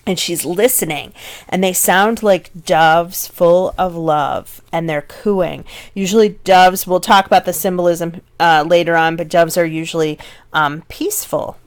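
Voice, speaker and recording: A woman's voice: lowish voice, fairly even intonation, measured pace. A woman teaching literature in a recorded lecture, talking conversationally and often checking in with her listeners.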